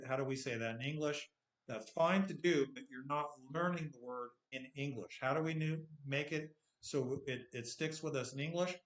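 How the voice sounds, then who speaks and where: An American man with a Californian accent and a hint of Texan teaches English through a patient screen-share tutorial, frequently checking in with "okay?". His mid-range voice is a bit bright, and the sound is reverberant.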